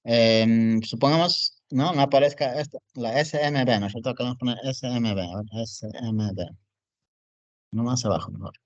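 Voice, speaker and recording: This online lecture features a man whose medium-pitched voice is a little mellow, recorded dull and dry with no room sound. He types on screen as he talks, often asking whether students keep up and repeating "jóvenes" and "¿no es cierto?"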